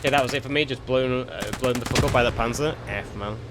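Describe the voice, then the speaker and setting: A man's voice: medium pitch, quick pace, background noise. A man giving laid-back, chatty commentary on a multiplayer war game, swearing now and then. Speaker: gameplay commentator. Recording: loud game gunfire and vehicles behind.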